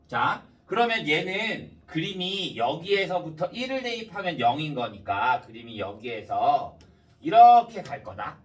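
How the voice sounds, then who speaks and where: A man's voice: a little high, a bit bright, far from the mic. A man teaching math step by step with rhetorical questions, his diction slightly slurred and lisping, as if numb-mouthed after having a tooth pulled. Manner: didactic, checks understanding often.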